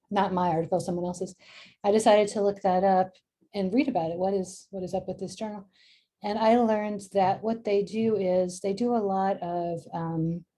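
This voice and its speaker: A middle-aged journal editor with a mid-range voice walks through a relaxed screen-share tutorial, thinking aloud and saying "um" a lot.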